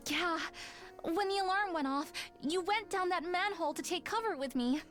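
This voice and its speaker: An actress voicing a tender, devoted girl, gentle and earnest, in a video game. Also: very high-pitched, normal speed, soft background music. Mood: relieved, tender. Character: tender, devoted girl, caring childhood friend.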